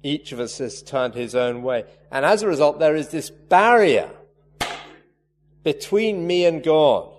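A man's voice: a little high, lively intonation, unhurried. A man preaching a sermon, earnest and emphatic, leaning hard on key words. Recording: reverberant hall, faint hum.

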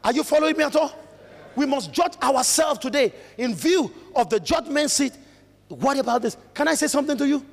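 A man with a Nigerian accent preaching a fervent Pentecostal sermon, calling out and rising to shouts. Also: extremely high pitch, expressive, fairly quick. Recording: long reverb of a large hall.

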